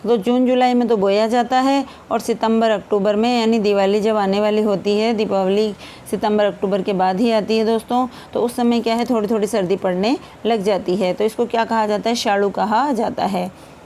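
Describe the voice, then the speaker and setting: A woman teacher gives a fast revision lesson for an exam, calling her viewers friends and asking and answering her own questions. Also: medium pitch, steady tone, mellow, a little hiss or hum.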